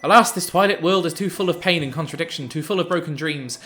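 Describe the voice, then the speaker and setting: A man's voice: on the high side, fast talker, bright, forceful tone, faint music behind, pitched above the performer's own voice. A man reading the lines of a gloomy, melodramatic gothic crow from a video game. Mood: brooding. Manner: melodramatic, brooding recitation.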